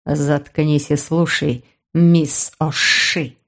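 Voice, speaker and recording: Woman putting on a low sneery bossy uncle, hissing and mocking, audiobook. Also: flat delivery, extremely slow, full character voice. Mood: menacing. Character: sarcastic domineering man, the stern uncle.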